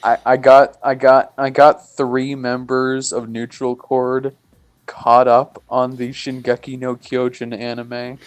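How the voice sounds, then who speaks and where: A man's voice: mid-range voice, monotone, slow, clear, resonant tone. A man reading a fanfic aloud on a voice call, breaking off into crude, teasing banter. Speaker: reader.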